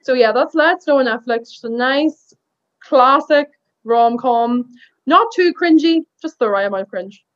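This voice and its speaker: Woman, high pitch, casual review talk, muffled lo-fi recording. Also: a little slow. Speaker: reviewer, returning guest. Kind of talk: casual chat.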